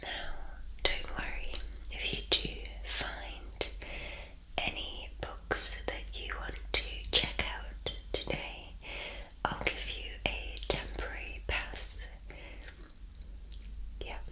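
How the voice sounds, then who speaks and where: A woman doing a whispered role-play as a polite, helpful librarian, unhurried and reassuring. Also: sharp tone, rough recording. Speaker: ASMR performer playing a librarian.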